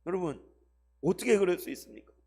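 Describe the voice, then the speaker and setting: High-voiced male pastor preaching. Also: very animated, quick pace, creaky, breathy edge. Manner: addresses the congregation with rhetorical questions; dramatic shifts between loud and soft delivery. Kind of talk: Sunday sermon. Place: church sanctuary. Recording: long hall reverb.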